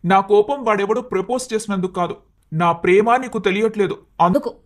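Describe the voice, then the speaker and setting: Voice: medium pitch, fairly quick, lightly acted. Someone voicing an earnest, hot-tempered young husband. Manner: pleading, emotional. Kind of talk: Telugu storybook cartoon dialogue.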